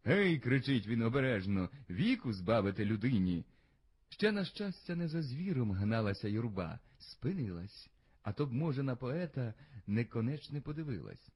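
A man reading a verse tale aloud as the storyteller, in an expressive, sing-song recitation. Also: medium pitch, normal speed, breathy edge.

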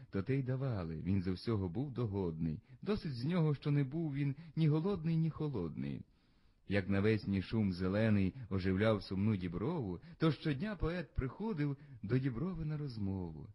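A man recites a verse fairy tale in a lively, expressive voice that rises and falls widely. His voice sits low and has a husky grain. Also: lo-fi sound. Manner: expressive, sing-song recitation. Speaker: storyteller. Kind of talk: reading a verse tale aloud.

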